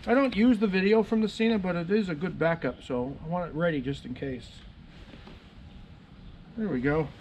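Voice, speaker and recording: A man's voice: high voice, normal speed, long pauses, darkish tone, slight background noise. A man casually talking through his motorcycle camera setup outdoors, chatting to himself as he fiddles with gear. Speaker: motovlogger.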